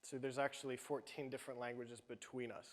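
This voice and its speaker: In an event hall with long reverb, a startup's business lead answers an audience Q&A, explaining his team's product. His voice is medium-pitched and level, and he speaks a little fast.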